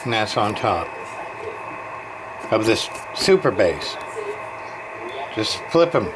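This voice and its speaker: Speaking slowly with big swings in pitch, a man with a fairly low voice mutters his way through an informal radio repair demonstration. The hobbyist's workbench video is amateur, with clear background noise.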